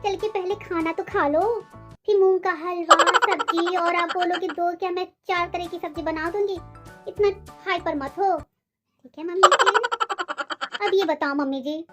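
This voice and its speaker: A woman's voice: very high-pitched, moderate pace, a bit bright. A woman playing a sly, sweet-talking young daughter-in-law who placates her mother-in-law in a comedy skit. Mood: placating. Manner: sugary, placating. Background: background music.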